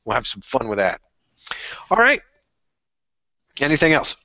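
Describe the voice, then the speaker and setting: Male podcast host, loose and crude, bright edge, dry close sound. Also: mid-range voice, sing-song, unhurried, dry recording, highs cut off. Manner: crude, joking, rambling. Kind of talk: casual podcast chat.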